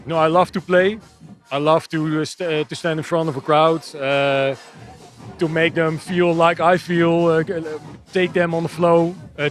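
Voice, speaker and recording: A Dutch man with a Dutch accent, a techno DJ and producer answering interview questions in a hesitant way with many restarts. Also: on the high side. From Netherlands. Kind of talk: casual interview.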